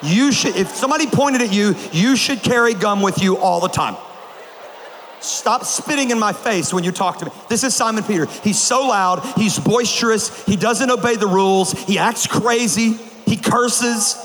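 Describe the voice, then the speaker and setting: A high-pitched male preacher delivers a comedic sermon in a large auditorium, telling stories with animated energy and sudden shouts. His voice rings out with a long hall echo over a faint hum of ambience. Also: normal speed. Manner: animated storytelling with bursts of shouting. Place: large auditorium with a live audience.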